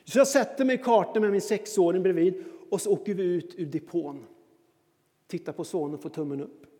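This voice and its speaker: A man telling a personal anecdote as a self-mocking, animated monologue. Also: high-pitched, big-room sound. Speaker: storyteller.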